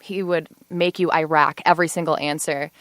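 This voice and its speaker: A woman's voice: deep voice, level tone, brisk, fairly bright tone, no room sound. A woman in her twenties, a law student, chatting as a podcast guest with lots of fillers and easy laughs. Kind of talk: casual podcast interview.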